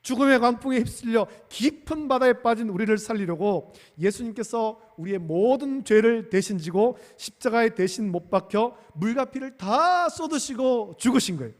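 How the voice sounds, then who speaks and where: A male pastor preaching a sermon emphatically, repeating key phrases and calling out hallelujah. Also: extremely high pitch. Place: church sanctuary. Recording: long church-hall reverb.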